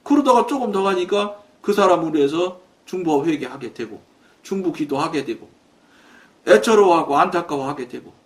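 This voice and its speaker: A man's voice: fairly high pitch, animated, moderate pace, distant mic. A man preaching a sermon, telling a personal testimony and acting out his conversations with God in a storytelling manner.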